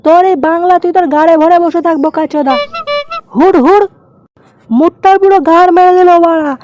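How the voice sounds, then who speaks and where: A man with a West Bengal accent voicing a hot-tempered, foul-mouthed picnic ringleader in a comic cartoon, scolding and blustering through a pitched-up effect. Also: steady tone, brisk, muffled recording, music in the background. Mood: furious.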